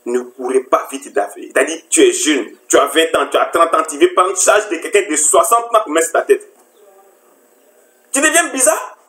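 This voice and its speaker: A woman's voice: low voice, brisk, hardly any pauses, fairly bright tone. Mocking woman coach in a roomy echo. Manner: mocking, rhetorical, repeats "you didn't know that". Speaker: relationship coach. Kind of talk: lecturing monologue to camera.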